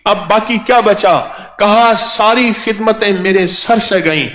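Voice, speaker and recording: A man preaching a sermon, chanting verses and then explaining them slowly. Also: high voice, fairly bright tone. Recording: echoey hall with long reverb.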